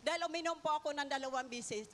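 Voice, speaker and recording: A woman's voice: high voice, fast talker. An older woman giving a fervent church testimony, constantly calling out to the congregation and punctuating her story with hallelujahs. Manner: fervent, repeats "mga minamahal" and hallelujah. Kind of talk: testimony in a worship service. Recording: long hall reverb.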